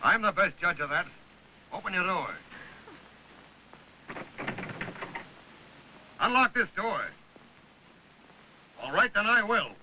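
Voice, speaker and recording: An actor playing a blunt, scornful husband just out of prison, in an early talkie film. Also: male voice, high voice, expressive, normal speed, muffled recording. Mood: menacing. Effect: early talkie film soundtrack. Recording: hissy early sound film.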